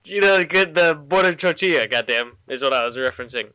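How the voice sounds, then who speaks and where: A young man hosting a casual chat, joking and laughing often, his voice jumping higher when he gets indignant. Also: fast, clean tone, no echo. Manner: animated, gets loud and high when indignant. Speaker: podcast host.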